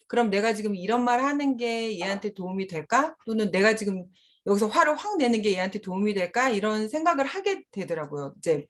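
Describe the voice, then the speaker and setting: Brief: middle-aged woman, seminar speaker, candid and laughing easily, mid-pitched voice. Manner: candid, laughing often while recounting. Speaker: seminar speaker, mother and school principal. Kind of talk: conversational seminar talk.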